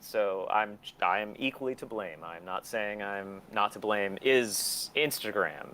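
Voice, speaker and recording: Speaking at medium pitch with a fairly bright tone, a forties-aged record label and museum owner gives a candid, casual interview, bluntly airing opinions and cursing frequently.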